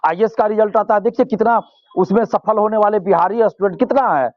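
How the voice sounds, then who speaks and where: A man's voice: high-pitched, brisk, dry recording, dull audio. A male student leader, giving impassioned interview answers and repeating phrases for force.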